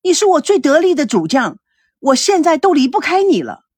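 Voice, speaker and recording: A woman's voice: high voice, very animated, fairly quick, a little mellow, no room sound, voice pushed up. A woman voicing a harried young male manager who talks in an exasperated, sighing way.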